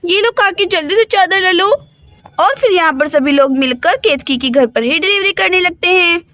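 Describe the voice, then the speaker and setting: A woman's voice: very high-pitched, fairly bright tone, no echo. Woman voicing an anxious, hurrying young neighbour. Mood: hurried worried. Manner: hurried and worried.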